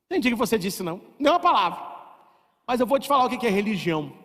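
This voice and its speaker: Humble old man with a wry, folksy manner, put on by a preacher, higher than his usual voice, heard with a long reverb. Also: very animated, racing, a bit bright. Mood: wry, plain.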